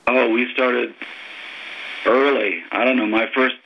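An older man from Texas, a former diver, recalling his youth in a phone interview, talking unhurriedly with many pauses and ums. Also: medium pitch, fairly even intonation. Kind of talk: phone oral history interview. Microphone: telephone. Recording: muffled phone line with faint noise.

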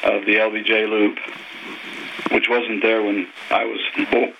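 An older man from Texas, a former diver, recalling his youth in a phone interview, talking unhurriedly with many pauses and ums. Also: lowish voice, little pitch movement, gravelly. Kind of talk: phone oral history interview. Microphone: telephone. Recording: muffled phone line with faint noise.

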